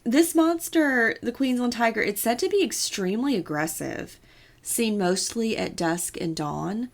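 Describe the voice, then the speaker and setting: A woman's voice: fairly high pitch, lively intonation, a little slow, creaky. Playful woman telling a podcast story. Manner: chatty, playful storytelling with asides and laughs. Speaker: podcast co-host. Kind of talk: casual podcast chat.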